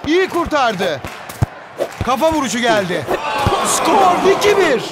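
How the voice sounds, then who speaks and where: An excitable screaming football commentator, calling the match in a very high-pitched voice. The game commentary is exclamatory, with music and a crowd behind it. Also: male voice, measured pace, full character voice. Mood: keyed-up. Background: music and stadium crowd.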